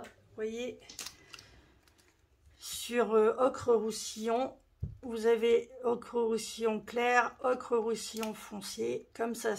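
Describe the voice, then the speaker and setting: Woman craft demonstrator, high-ish voice, chatty talk-through, faint background hiss. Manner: chatty, explaining while working. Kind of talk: crafting tutorial.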